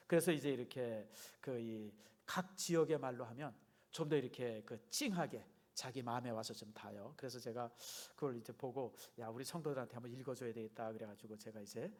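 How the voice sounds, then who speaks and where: A man's voice: mid-range voice, moderate pace. A male pastor from Seoul giving a conversational sermon in a church, speaking directly to his congregation with easy good humor. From Seoul, South Korea. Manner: chatty and warm-humored, addresses the congregation directly. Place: church sanctuary.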